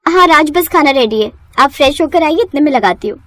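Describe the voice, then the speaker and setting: Woman putting on a high shrill bahu, nasty and scolding, lively swoopy voice. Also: fairly quick, dry recording, studio quality. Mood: sweet. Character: young daughter-in-law, sharp-tongued and scheming.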